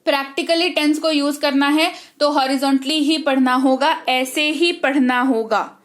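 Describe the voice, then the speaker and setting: High-voiced Indian woman teaching English. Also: fairly even intonation. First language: Hindi. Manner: brisk, drills terms, checks with "ठीक है?". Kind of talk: online lesson.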